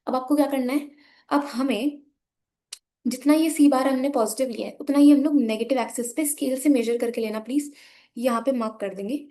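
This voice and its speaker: A young Indian woman with a hoarse, sore voice, patiently teaching an economics lesson while drawing graphs and speaking softly. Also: a little high. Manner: patient, repeats "ठीक है" often, switches between Hindi and English.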